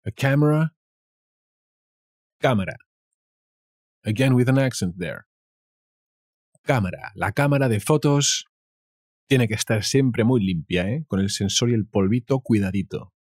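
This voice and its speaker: A man from Spain with a Castilian accent, teaching a playful vocabulary lesson and repeating each word slowly with jokey asides. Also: fairly low pitch, a little mellow, dry recording, clean studio sound. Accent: Castilian Spanish. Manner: slow, deliberate word repetition with jokey asides. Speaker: language teacher.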